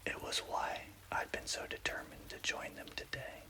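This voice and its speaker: A man's voice: normal speed, pushed and bright. Male ASMR horror narrator, whispers throughout with no voicing, careful storyteller's delivery over rainfall. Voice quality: unvoiced, breathy whisper.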